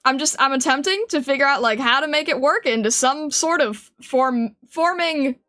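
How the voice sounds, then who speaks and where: A livestreaming artist thinks aloud while she draws, rambling hesitantly in a bright, high voice at a moderate pace, with faint music in the background.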